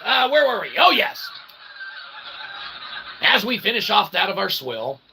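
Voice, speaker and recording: Very animated and sharp in tone, a man with a high, creaky voice speaks at a measured pace, with a little hiss or hum in the recording. He is an independent author and developer hosting his own channel, giving a rambling philosophical monologue in wordy, mock-formal, archaic phrasing and checking in constantly with "okay?".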